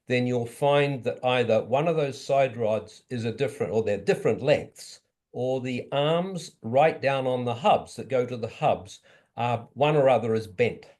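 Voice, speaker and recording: Male advisor, medium-pitched voice, methodical and informal practical instruction. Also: a little slow, a little mellow. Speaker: advisor giving technical tips. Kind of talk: casual technical instruction.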